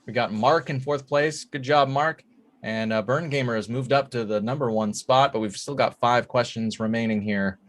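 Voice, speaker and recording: A man's voice: medium pitch, moderate pace. A man hosting an online trivia show, announcing answers and leaderboard standings in an upbeat, chatty way. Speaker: trivia host. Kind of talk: announcing quiz results and leaderboard.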